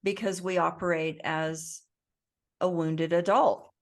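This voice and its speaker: A woman's voice: on the low side, steady tone, takes it slowly. A woman being interviewed as an author, talking earnestly in a coaching tone and acting out the voices she quotes. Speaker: author, guest. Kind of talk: interview conversation. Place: based in the Southwest US.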